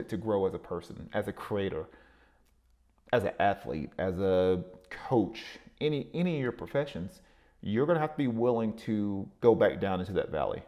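A man with a fairly low voice hosts a podcast, delivering a solo motivational talk that rambles, full of fillers and repeated words. The audio sounds dull.

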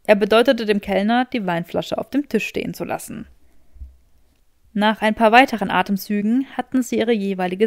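A woman's voice: medium pitch, darkish tone, no room sound. Woman reading a storybook, dry sound. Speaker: audiobook narrator. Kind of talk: scripted fan fiction audiobook narration.

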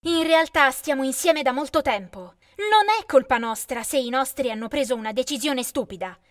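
A woman voicing a mean teenage girl who mocks loudly and scornfully. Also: high-pitched, expressive, moderate pace, dry recording, clean studio sound. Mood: sneering. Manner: scornful and loud.

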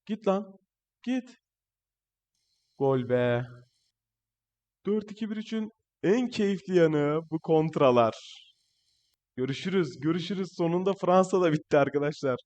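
Young male gamer, higher-pitched voice, excitable live commentary, strained from yelling. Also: a little slow, long pauses. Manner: excitable, shouting at players on screen. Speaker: gaming channel host.

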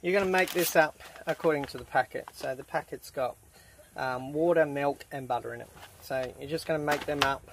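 A man walks through a simple recipe in an easy, chatty way, his voice sitting a little high for a man. He is recorded in a canvas tent at a campsite. The recording carries clear background noise. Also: a little fast. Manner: relaxed, chatty step-by-step instructions. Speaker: camp cooking host. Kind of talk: casual cooking demonstration. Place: inside a canvas tent camp kitchen. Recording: noisy outdoor camp recording.

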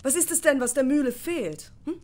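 A woman's voice: high-pitched, expressive, brisk, darkish tone, pitched above the performer's own voice. A woman voicing a determined young male miller's apprentice in an audiobook, speaking earnestly and urgently. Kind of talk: audiobook character voice.

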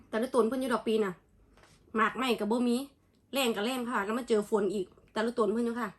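Casting: woman, Isan Thai accent, higher-pitched voice, informal eating-vlog chat with familiar, polite address to the audience. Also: a bit bright. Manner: addresses viewers familiarly with frequent polite particles. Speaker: food vlogger. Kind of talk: casual chatty eating vlog.

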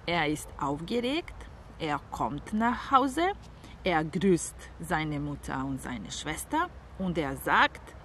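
A woman's voice: sits low, very animated, a bit bright, poor audio. Woman teaching German over street noise. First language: Serbian. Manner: repeats each phrase slowly, then translates. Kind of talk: bilingual language lesson.

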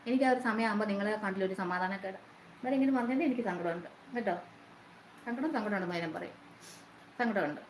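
A woman's voice: medium pitch, fast talker, pauses often. A woman hosting a casual live stream, chatting and greeting her viewers by name one after another. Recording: roomy echo, faint noise.

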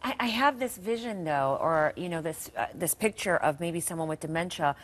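A woman's voice: fairly low pitch, normal speed. A woman in her forties anchoring a morning news show, asking curious prompting questions in a studio, on a lapel mic.

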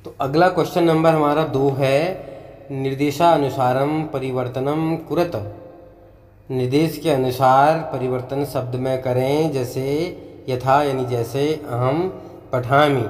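A man teaching a lesson, patient and repeating words slowly for his pupils to say after him. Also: mid-range voice, steady tone, a little mellow. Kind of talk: slow classroom lesson with recitation. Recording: echoey, reverberant room.

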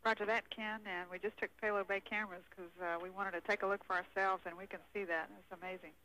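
A woman working as mission control communicator, making brisk and admiring calls over a distant two-way space radio link. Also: medium pitch, little pitch movement, pushed and bright. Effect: distant two-way space radio transmission.

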